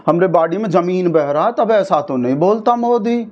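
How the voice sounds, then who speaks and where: A man playing a naive, excitable village man who rambles, swinging between high excited bursts and low mumbled asides. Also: normal speed, dull audio. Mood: ranting. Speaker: comedian playing a satirical character. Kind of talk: comic satirical monologue.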